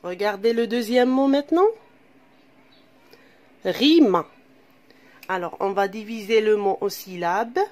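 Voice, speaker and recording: A primary school teacher with an Algerian French accent leads young children through a reading lesson, speaking slowly and patiently, repeating herself and questioning the pupils as she goes. Her mid-range voice has a darkish tone.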